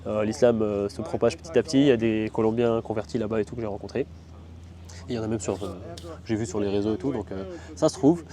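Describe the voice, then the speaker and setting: A man's voice: on the low side, steady tone, quick pace, a crowd in the background. A young man telling a travel story in a casual, slangy, rambling way, full of fillers. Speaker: travel vlogger.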